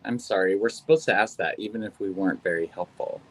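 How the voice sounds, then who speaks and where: A woman's voice: rumbling low, fast talker, poor audio. A woman playing an anxious, apologetic young volunteer. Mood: earnest. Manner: hesitant and apologetic, with frequent "I'm sorry". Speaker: volunteer on a visual-help app call. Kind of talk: stage play performed over video call.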